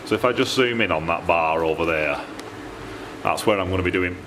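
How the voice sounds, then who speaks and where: Indoors in a metalworking workshop, a man with a Northern English accent rambles to camera in a colloquial, self-deprecating way. His low voice moves briskly, with background noise in the recording.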